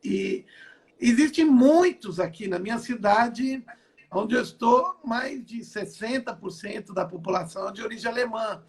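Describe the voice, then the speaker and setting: An older apostle and pastor from southern Brazil speaks in a very high voice at a moderate pace. Giving his testimony in an online interview from home, he piles up phrases, repeating and restarting them.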